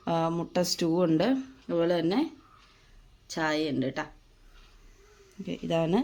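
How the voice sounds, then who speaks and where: A young woman from Kerala, hoarse from a lingering cough, chatting casually to viewers at home in a vlog, with plenty of fillers. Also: fairly low pitch. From Kerala, India. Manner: chatty, with many "appam" and "aa" fillers, addressing viewers as guys. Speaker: vlogger. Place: at home, indoors and in the yard.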